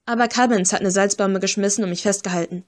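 A woman's voice: mid-range voice, steady tone, quick pace, natural voice. A scruffy, unflappable young woman with a cheeky, offhand way of talking, as the reader puts her on. She sounds cool and casual.

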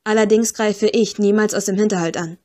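A woman's voice: mid-range voice, fairly even intonation, brisk, a little mellow, lightly acted. A woman reading an audiobook, voicing a cool, confident young man who speaks dry and terse. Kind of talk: audiobook character voice.

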